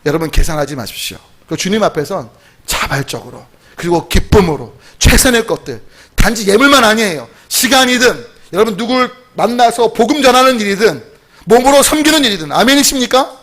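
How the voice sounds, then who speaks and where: Pastor guy preaching, lively storyteller, voices his characters, pretty high pitched. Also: a little fast. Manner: lively storytelling, acting out dialogue. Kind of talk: sermon.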